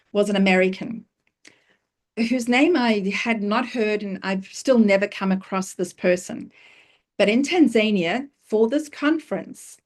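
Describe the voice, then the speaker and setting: Brief: middle-aged woman, speaker, storytelling talk with pointed questions. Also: mid-range voice. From South Africa. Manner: personal storytelling, emphatic questions. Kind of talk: talk to an audience.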